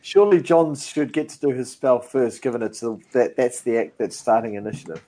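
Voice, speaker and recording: A man's voice: mid-range voice, animated, a little fast, mellow. A man playing a tabletop game, chatting casually with the other players. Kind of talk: casual chat. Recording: clear background noise with clicks.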